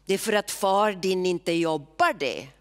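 A woman's voice: fairly low pitch, long reverb tail, lightly acted. A woman voicing a foul-mouthed, quarrelsome teenage boy who leads a band, in a literary reading. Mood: sneering. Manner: crude, boastful, quarrelsome.

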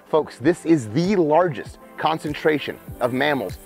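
A man, hosting a wildlife show outdoors by a cave, presenting with excited, emphatic showmanship on a lapel mic. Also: on the high side, a little slow, creaky, faint music behind. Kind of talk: enthusiastic outdoor nature presenting. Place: outdoors by a cave in open country.

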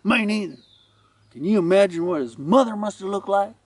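A man's voice: high-pitched, fairly quick, recorded from a distance, lightly acted. A man doing a cocky drawling ranch dog. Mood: taunting. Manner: drawling, mocking.

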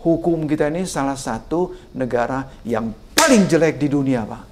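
A man's voice: a little high, moderate pace, slight background noise. An older man, a guest expert on political communication in a podcast interview, talking emphatically and often addressing the host respectfully. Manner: emphatic, animated, sprinkles "Pak" often.

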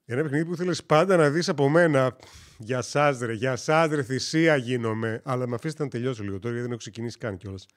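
A man from Greece chatting casually on a gaming live stream, rambling and joking as he tells stories and corrects himself. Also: mid-range voice.

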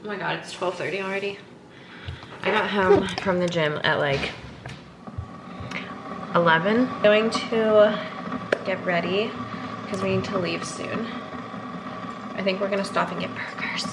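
A vlogger in her twenties chats casually into a phone camera held at arm's length as she moves through her car, kitchen and apartment. Her medium-pitched voice is steady and measured, with frequent pauses, and she rambles, saying "like" a lot. The recording is very noisy.

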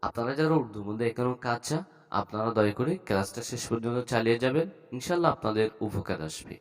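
A man teaching a reading lesson, slowly reading out words and explaining how to pronounce them. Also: mid-range voice, expressive. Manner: slow, drawn-out reading drills, louder when reading words aloud. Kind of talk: slow language lesson.

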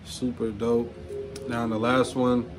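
A man chatting casually through a toy unboxing, easygoing and slangy. His delivery stays flat and even. Clear music plays in the background throughout. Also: mid-range voice, measured pace. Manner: laid-back, slangy, says "man" often. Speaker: toy review vlogger.

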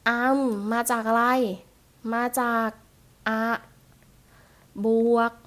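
A woman's voice: a little high, completely flat delivery, extremely slow, a bit bright. A woman primary school teacher giving a recorded online lesson, asking her class patient questions and ending phrases with polite particles.

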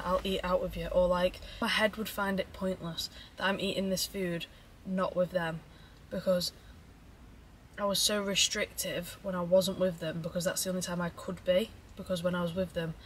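A young woman talking fast and rambling through a mukbang vlog, chatting between bites of food. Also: lowish voice, fairly bright tone, slight background noise. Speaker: vlogger.

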